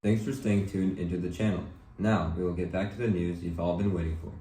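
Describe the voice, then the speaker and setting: A man's voice: low-pitched, fairly even intonation, a little fast, mellow, lightly acted. A man playing an earnest 1940s news anchor, formally reading a scripted newscast. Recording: roomy echo with faint noise.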